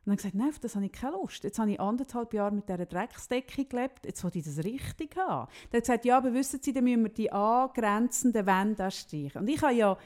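A middle-aged woman with a Swiss German accent, co-hosting a podcast and chatting in a lively, free-associating way. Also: on the high side. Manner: animated, free-associating, quick asides. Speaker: podcast co-host. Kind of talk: casual chat, storytelling.

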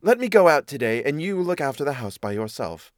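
A sly male cat from a fairy tale, voiced by a man. He talks smoothly and persuasively, cool and sure of himself, with lively rises and falls. The sound is dry. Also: mid-range voice, a little fast, no room sound, natural voice. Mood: coaxing. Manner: persuasive, cool, self-assured.

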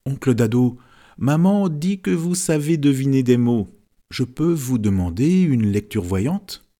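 Polite young woman, quiet, eager, storybook, man reading. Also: medium pitch, animated, a little slow, pitched above the performer's own voice, lightly acted.

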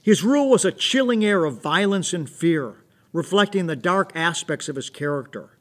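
A man's voice: high-pitched, expressive, moderate pace, fairly bright tone. A man hosting, giving a scripted introduction in an informative, direct way. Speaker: host.

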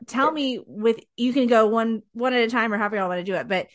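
A woman with a lilt hosts a podcast interview. Her voice sits a bit high, and she gushes with enthusiasm, stacking up compliments for her guests. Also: fast. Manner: enthusiastic, gushing. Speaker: podcast host.

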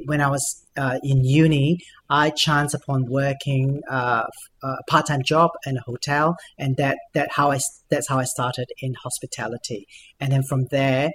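A man speaking as an interview guest, giving conversational answers in a deliberate, halting way with repeated words. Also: mid-range voice, a bit bright. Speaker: podcast guest, business events executive. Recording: clear background noise.

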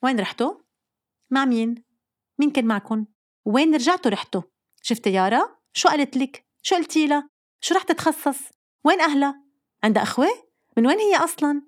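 A woman's voice: high voice, lively intonation, pitched above the performer's own voice. A woman putting on a nagging Lebanese mom. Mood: interrogating. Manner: scolding rapid-fire questions. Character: nagging middle-aged mother, fussy and bossy.

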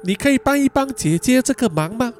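A man voicing a frightened young woman student who softly pleads and coaxes. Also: extremely high pitch, lively intonation, a little fast, slight background noise, pitched above the performer's own voice. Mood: coaxing. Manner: soft, pleading, coaxing.

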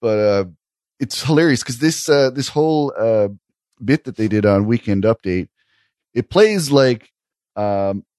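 A man co-hosting a podcast, talking in a thoughtful, wry way with frequent "uh" pauses. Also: mid-range voice, expressive, darkish tone, no room sound, studio quality. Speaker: podcast co-host reviewing sketch comedy. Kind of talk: casual chat.

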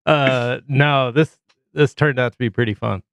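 Clear-voiced man, casual podcast banter. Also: mid-range voice, steady tone, a little slow, no room sound. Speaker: podcast co-host.

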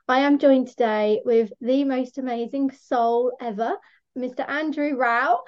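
High-voiced, gushing woman hosting a podcast. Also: lo-fi sound. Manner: effusive and enthusiastic. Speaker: podcast host. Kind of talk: podcast introduction.

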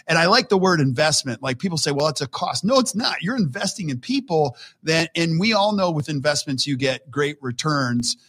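A man's voice: fairly high pitch, animated, moderate pace, hardly any pauses, fairly bright tone, husky. A man of fifty hosting a podcast interview in a chatty, agreeable way. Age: 50s. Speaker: podcast host.

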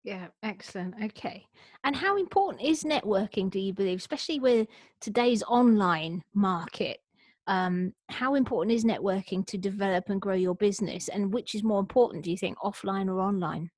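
A woman interviews a guest in a conversational, encouraging manner. Her voice sits at a medium pitch, recorded dry with little room sound. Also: moderate pace, a little mellow, dry recording. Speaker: podcast interviewer.

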